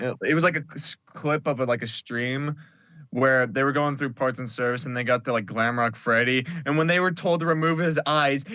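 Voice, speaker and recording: A man in a casual podcast chat, telling a story haltingly with many uhs and restarts. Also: a little high, sharp tone, smooth, dry recording. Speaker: podcast co-host. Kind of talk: casual chat among friends.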